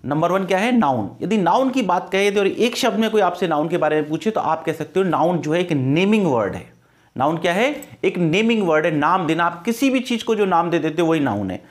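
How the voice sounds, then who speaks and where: Fairly quick and high-pitched, with big swings in pitch, a man with an Indian accent coaches an exam-prep class on English grammar. He blends Hindi with English, answers his own questions to the students, and drills their pronunciation.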